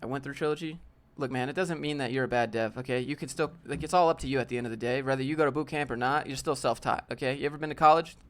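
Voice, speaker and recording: A man in his late twenties with a youthful-sounding, mid-range voice talks very fast with few pauses. He's hosting a laid-back, joking live-stream Q&A and reading viewer questions aloud.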